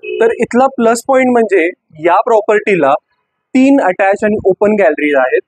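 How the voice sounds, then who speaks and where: Guy doing a house tour, raspy-ish voice, pointing stuff out room by room. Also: high voice, expressive, normal speed, no room sound, poor audio. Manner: guiding, pointing things out room by room. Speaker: real estate agent giving a property tour. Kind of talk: property walkthrough narration.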